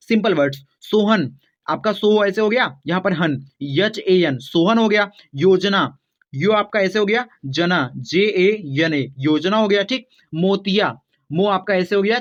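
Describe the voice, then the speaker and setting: A man with a fairly high voice teaches beginners to spell, sounding out each word letter by letter. He pauses often to check that his students follow. The recording sounds dull and lo-fi.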